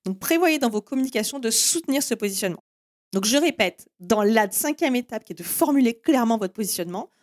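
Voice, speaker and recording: A woman's voice: medium pitch, darkish tone. A woman hosting a marketing podcast, explaining steps in a didactic way with self-deprecating asides. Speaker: marketing agency host.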